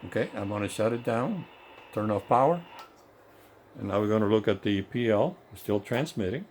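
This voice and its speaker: In a home electronics workshop indoors, a radio technician demonstrates repeater equipment in a casual, eager, hands-on explanation. He isn't a native English speaker, and his voice is lowish and darkish, animated, at a normal speed. Workshop sounds are audible behind an otherwise clear recording.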